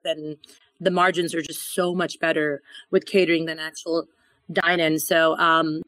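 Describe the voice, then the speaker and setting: Chef guest, woman, chatty storyteller, slightly low voice, dry recording. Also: dry recording, poor audio. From born in Thailand to Laotian parents. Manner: chatty, animated storytelling with repeated words. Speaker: chef and restaurant owner. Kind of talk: casual interview conversation.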